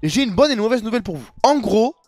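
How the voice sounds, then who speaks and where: A young man with a high voice rattles along at a quick clip, slangy and rambling as he chats with his viewers. The sound is dry and close, with no room around it. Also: animated, darkish tone, dry recording, soft background music. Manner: slangy, rambling, keeps saying frère and wesh. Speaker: streamer. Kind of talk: casual live-stream chat.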